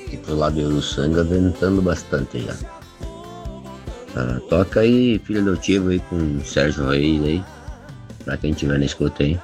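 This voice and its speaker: A radio caller talking over a CB radio link in a friendly, easygoing way, using radio lingo. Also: male voice, very deep voice, normal speed, darkish tone. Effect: heard over a CB radio link. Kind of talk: casual CB radio chat with radio sign-offs. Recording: distant radio voice with music behind.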